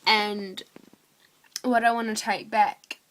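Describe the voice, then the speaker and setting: A drunk woman rambling casually in a confessional vlog, halting, drifting and swearing as she goes. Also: mid-range voice, a bit bright, poor audio. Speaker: vlogger.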